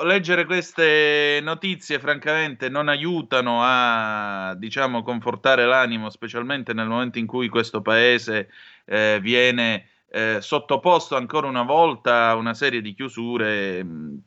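A man's voice: medium pitch, pushed and bright, dull audio. A man from Calabria reading news aloud, then giving opinionated personal commentary and appealing directly to his listeners. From Calabria, southern Italy.

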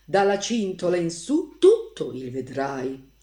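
A woman reading the lines of a calm, firm male guide giving steady commands. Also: lowish voice, slow pace, echoey room. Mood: urging.

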